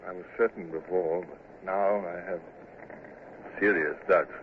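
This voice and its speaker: An actor playing a commanding, self-doubting British naval commander and narrator in an old-time radio drama, speaking formally. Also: male voice, sits low, a little slow. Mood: anxious. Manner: formal, crisp orders and introspective asides. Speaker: lead actor and first-person narrator. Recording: muffled, noisy old radio recording.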